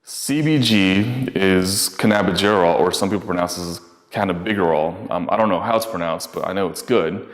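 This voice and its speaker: A low-voiced man explains a scientific topic as a medical advisor, halting often with fillers and restarts. His voice trails into a long reverb. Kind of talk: explanatory talk.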